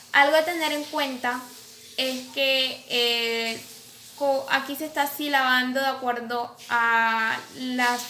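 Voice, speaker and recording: A woman's voice: high voice, bright, forceful tone. A woman teacher explaining a lesson over slides, who asks herself questions and then answers them. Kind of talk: recorded lecture over slides. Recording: echoey room, faint background noise.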